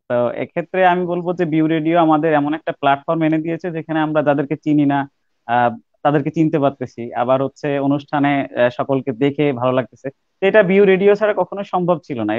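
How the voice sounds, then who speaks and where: A man's voice: on the high side, no room sound, narrow, tinny audio. A young man, a university student guest, chatting casually and hesitantly with many filler sounds. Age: young adult. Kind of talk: casual chat with poem recitation.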